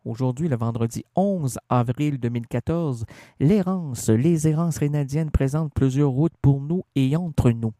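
Playful Québécois radio host, reverby. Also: male voice, medium pitch, a little slow, mellow. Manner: playful, absurd, jumps between silly bits and a reading voice. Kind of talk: zany radio banter and mock classified ads. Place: radio studio.

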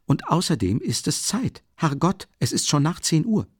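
A man's voice: huge pitch swings, moderate pace, slightly rough, no echo, studio quality, full character voice. A man voicing an anxious, timid middle-aged mother in an audiobook, flustered and exclaiming. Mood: urging. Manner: flustered, exclaiming, high-pitched fretting. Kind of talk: audiobook character reading.

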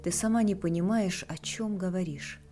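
Brief: woman reader doing a wary old father in an audiobook, hesitant and mumbling, dark low tone. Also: moderate pace, faint music behind, natural voice. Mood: uneasy. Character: elderly father, uneasy and fearful.

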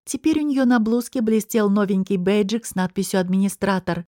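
A woman narrating a first-person audiobook in a lively storytelling manner. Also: mid-range voice, brisk, no room sound, clean studio sound.

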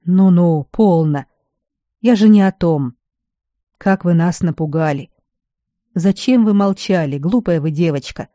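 A reader voicing a weary male garrison healer who scolds at first, then speaks with fatherly gentleness. The recording is dull and dry. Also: sits high, measured pace, pauses often, no echo. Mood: gently lecturing. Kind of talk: audiobook character voice.

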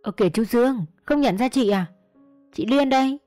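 A woman's voice: on the high side, moderate pace, mellow, dry recording, faint music behind, voice pushed up, lightly acted. A woman voicing a scheming, cold-hearted woman who wheedles sweetly in a narrated audio story. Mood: mocking.

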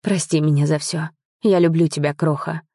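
A woman reading the lines of a young man, a tender, guilt-ridden lover, in a soft, pleading, earnest way. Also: low-pitched, fairly even intonation, moderate pace, no room sound, studio quality.

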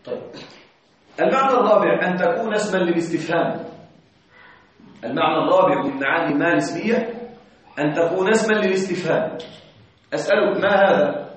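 A man teaching an Arabic grammar lesson, repeating examples slowly, checking that his students follow, and chanting quoted verses in a recitation tone. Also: high-pitched. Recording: very echoey room, distant mic, dull sound.

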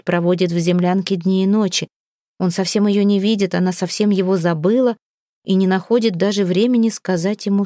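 A woman narrates an audiobook in a calm, even storytelling voice. Her tone is mellow and warm, and the recording is close and dry. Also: medium pitch, no echo. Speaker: audiobook reader. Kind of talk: scripted narration.

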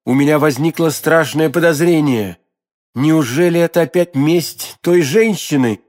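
A man's voice: on the high side, measured pace, a little mellow, natural voice. Brief: young impulsive swordsman, earnest, emphatic, storybook hero, read by a man. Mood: alarmed. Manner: urgent, emphatic.

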